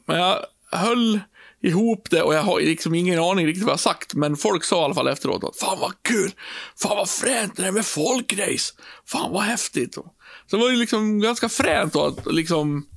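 A man co-hosting a podcast, telling a story in a lively, casual way and swearing freely. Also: a little high, vocal fry, dry recording, studio quality. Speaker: podcast co-host. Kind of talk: casual chat.

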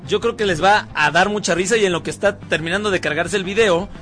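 A man's voice: sits high, fast talker, fairly bright tone, soft background music. A man hosting and joking with guests in casual banter. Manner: joking, teasing. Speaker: host.

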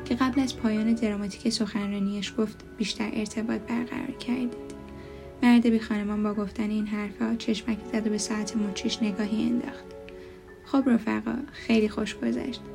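Flat gravelly woman reading an audiobook. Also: mid-range voice. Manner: reads all characters in her own even voice. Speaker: audiobook narrator. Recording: faint music bed behind the voice.

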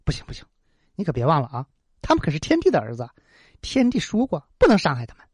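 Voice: medium pitch, huge pitch swings, quick pace, darkish tone, husky, no room sound, studio quality, pitched below the performer's own voice. A storyteller voicing Chang'e, an anxious young wife urgently holding back her husband.

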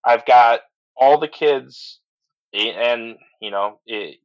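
A man's voice: medium pitch, slow. Man, middle-aged, podcast guest, enthusiastic, lots of restarts, muffled lo-fi sound. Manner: enthusiastic, many restarts and "you know"s. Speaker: podcast guest, transport business owner. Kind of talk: casual interview chat. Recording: slightly dull lo-fi audio.

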